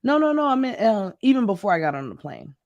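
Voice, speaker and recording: Excitable man with a dry, close sound. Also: sits high, fast, dry recording, dull audio. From Midwest US. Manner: chatty and excitable, with animated storytelling. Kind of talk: casual chat.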